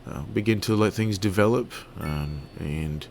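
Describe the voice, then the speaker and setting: A man from Toronto giving relaxed, halting let's-play commentary on a city-building game, full of fillers and restarts. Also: low-pitched, vocal fry, a little hiss or hum. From Toronto, Canada. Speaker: gaming video creator.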